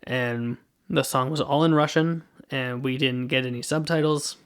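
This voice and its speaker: A man's voice: medium pitch, fairly even intonation, normal speed, smooth. A man hosting a solo movie podcast, reviewing a film in a casual, rambling way and often correcting himself. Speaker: podcast host.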